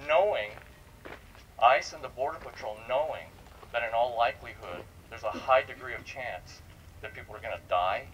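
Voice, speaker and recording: Leading an audience discussion from a panel, this man speaks casually to students, asking probing questions and repeating himself. His mid-range voice has a slightly bright edge, picked up by a far-off mic in a noisy room.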